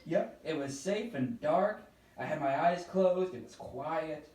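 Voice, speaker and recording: A man voicing an excitable, self-important childlike bird puppet in a children's skit. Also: fairly high pitch, measured pace. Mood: earnest storytelling. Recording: echoey room, distant mic.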